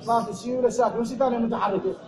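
An Iraqi-accented man leads a grammar lesson in a very high voice, firing repeated questions at his class. The classroom is echoey, and the students can be heard clearly behind him. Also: fairly even intonation, very fast, a crowd in the background. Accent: Iraqi Arabic. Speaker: teacher. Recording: echoey room, class audible.

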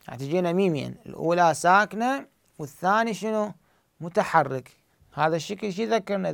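A man with an Iraqi Arabic accent teaching tajweed, explaining the rules and slowly reciting verse examples. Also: high-pitched, creaky, fairly bright tone, dry recording, studio quality.

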